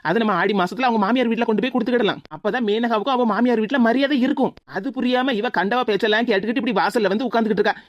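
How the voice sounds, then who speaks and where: A woman's voice: a little high, no room sound, muffled recording, close to an everyday voice. A woman voicing a sensible young daughter-in-law in a cartoon who gives persuasive advice. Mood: persuading. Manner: quick, persuasive, advising. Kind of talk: Tamil cartoon voice acting.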